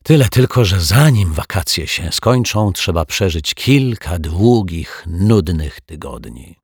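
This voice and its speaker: Audiobook narrator for kids: male, very deep, animated pitch, husky, dry close sound. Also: slow, no room sound. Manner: lively expressive storytelling. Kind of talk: children's story narration.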